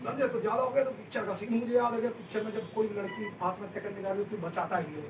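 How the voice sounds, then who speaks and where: A male teacher telling a joking story to his class in an animated way and leading repetition drills. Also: high voice, racing. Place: indoor classroom. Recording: echoey room, far from the mic, noisy.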